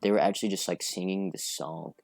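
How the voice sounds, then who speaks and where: A man's voice: low-pitched, steady tone, fairly quick, gravelly, a little mellow, no echo, clean studio sound, soft background music. A young man telling a long rambling story in casual podcast chat, full of fillers and laughter. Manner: rambling, filler-heavy, laughs through stories. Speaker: podcast guest.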